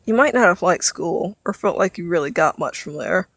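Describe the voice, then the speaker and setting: A man voicing a cheerful, caring teenage boy who talks eagerly and warmly in a storybook reading. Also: animated, moderate pace, vocal fry, dry recording, heavily acted. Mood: upbeat. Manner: eager and warm, pitched up and louder. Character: cheerful caring teen boy, the best friend.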